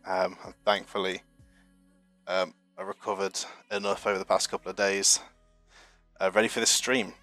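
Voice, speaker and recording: A young man from the United Kingdom, getting over a flu, hosts a live stream for a marble racing channel, reading chat messages in chatty, rambling, self-deprecating talk. His low voice is level, bright, and forceful at a normal speed, with frequent pauses. Faint music plays behind him.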